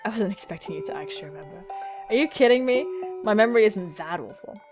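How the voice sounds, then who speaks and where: A young woman hosting a gaming channel reads a visual novel out loud at a fast clip in a medium-pitched voice, giggling excitedly and adding dramatic commentary laced with swearing. Music plays in the background.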